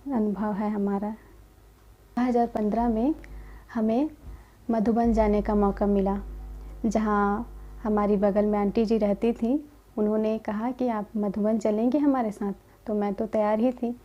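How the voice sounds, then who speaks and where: A young woman giving a gentle personal testimony about her spiritual path, quoting conversations in her own voice. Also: medium pitch, lo-fi sound. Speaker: spiritual community member sharing her experience.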